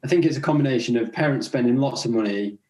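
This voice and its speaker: Speaking quickly in a mid-range voice, this young podcast guest, a racing rider with an English accent and a partly Scottish upbringing, keeps the interview chat casual. Easygoing and talkative, he laughs while recounting stories, and the recording has a roomy sound.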